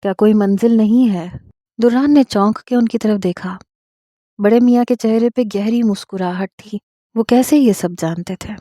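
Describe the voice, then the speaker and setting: Mellow woman narrating a novel. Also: on the high side, moderate pace, dry recording. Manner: steady storytelling read. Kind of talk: scripted narration of a romance novel.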